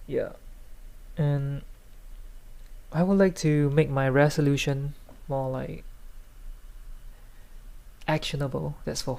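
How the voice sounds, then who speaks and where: Tipsy, rambling man with creaky voice. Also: medium pitch, a little mellow. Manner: hesitant, trailing off and circling back. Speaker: podcast host. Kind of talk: rambling casual solo chat.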